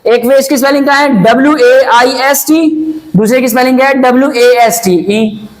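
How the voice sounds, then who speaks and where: Guy with a really high voice teaching english grammar in hinglish, asks himself questions and answers them. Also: fairly even intonation, a little fast, low-quality recording. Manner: explains patiently, asks and answers own questions, says "bhai"; spells words letter by letter. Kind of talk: Hinglish classroom lesson.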